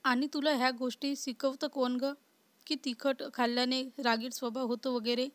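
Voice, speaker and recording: A short-tempered, protective young man from a spoken love story, as read by a woman. The voice stays higher than a man's and flat in its rise and fall, with little acting put into it. The recording is dry and close. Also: moderate pace, dry recording, close to an everyday voice. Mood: angry.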